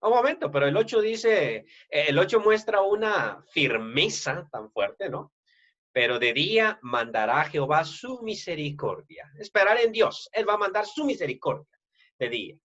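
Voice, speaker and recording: A man's voice: on the high side, very animated, moderate pace, fairly bright tone, highs cut off. A man preaching a sermon in a conversational way, with frequent tag questions and restarts, and a Latin American Spanish accent.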